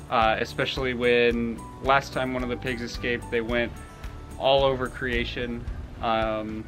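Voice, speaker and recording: A young man casually telling a story about his homestead, animated and laughing at times. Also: mid-range voice. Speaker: homestead vlogger.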